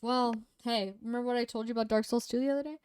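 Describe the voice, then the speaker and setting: A young woman co-hosts a casual game review chat, rambling and swearing with many fillers while sounding a bit sniffly and losing her voice. Her voice is a little high and a little mellow, smooth, very fast, with fairly even intonation and no room sound.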